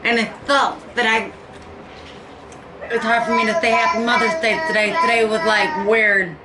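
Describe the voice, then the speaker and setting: A woman's voice: fairly high pitch, flat delivery. Tearful woman in an echoey room. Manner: halting, tearful, repeating herself. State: near tears. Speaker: vlogger. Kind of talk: emotional personal vlog. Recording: echoey room with faint noise.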